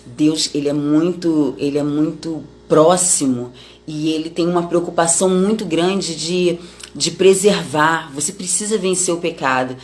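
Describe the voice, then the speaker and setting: Low-voiced woman teaching the Bible. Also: unhurried. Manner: conversational, many tag questions, explains with family examples.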